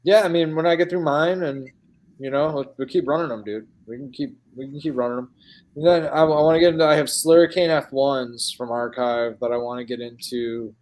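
A man's voice: mid-range voice, fairly quick, a little mellow. A man with a Midwestern American accent hosting a casual podcast chat, rambling with plenty of fillers and calling people dude and man.

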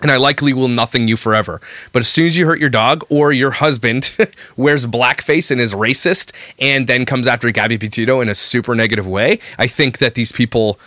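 Fast, bright-voiced ranting man. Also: mid-range voice, dry recording, clean studio sound. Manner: heated, ranting delivery. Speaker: podcast co-host. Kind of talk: casual chat.

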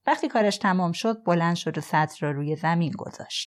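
A woman reads a thriller aloud in a steady, measured narration. Her voice sits on the low side and stays composed. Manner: calm, even storytelling. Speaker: audiobook narrator. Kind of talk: scripted narration.

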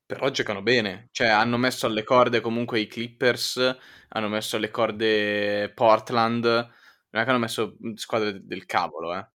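A man with a slightly low voice takes part in a sports podcast. He speaks in a casual, conversational debating style. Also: fairly even intonation, normal speed, fairly bright tone. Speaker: basketball podcast panelist.

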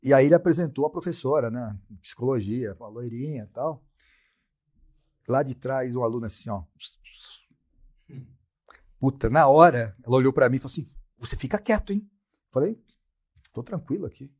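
A middle-aged Brazilian man with a husky, slightly rough voice, talking as a podcast guest. He tells his stories bluntly with plenty of street slang and jumps into his own quoted lines as he goes. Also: medium pitch, normal speed, pauses often, a little mellow. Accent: Brazilian Portuguese. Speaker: podcast guest, sports science professor. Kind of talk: casual storytelling.

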